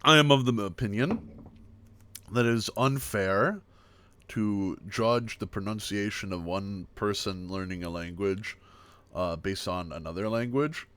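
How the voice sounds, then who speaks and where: An American man giving a casual livestream language lesson, repeating each example word slowly and chatting between them. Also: fairly low pitch, fairly bright tone, smooth. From United States. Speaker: streamer teaching a language. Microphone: streaming mic.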